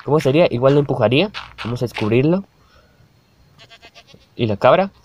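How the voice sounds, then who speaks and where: A man's voice: mid-range voice, lively intonation, brisk, very noisy. A young man, chatting and reacting to a video on his channel, laughing often and calling out at the screen. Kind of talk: casual reaction commentary.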